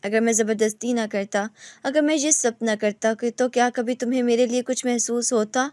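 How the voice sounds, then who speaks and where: A woman voicing a possessive young husband who speaks softly and pleads, in a storybook reading. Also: fairly high pitch, fairly even intonation, dry recording, clean studio sound, close to an everyday voice. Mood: pleading. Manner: soft, quietly pleading.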